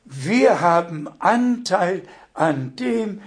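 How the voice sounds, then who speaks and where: A man delivers a sermon in a high voice, pressing each point with grave emphasis. He speaks very slowly, with long pauses between short phrases. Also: animated. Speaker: preacher.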